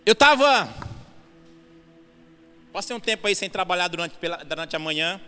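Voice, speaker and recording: A young adult man, giving a fervent testimony sermon that rises to shouts at its peaks. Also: high-pitched, lively intonation, moderate pace. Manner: fervent storytelling, rising to shouts at climaxes. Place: church hall. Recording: long reverb hall with music behind.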